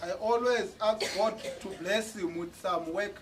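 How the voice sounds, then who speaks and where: A man's voice: high-pitched, measured pace. A man interpreting a church testimony line by line, sometimes hesitating and repeating words. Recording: distant mic with noise.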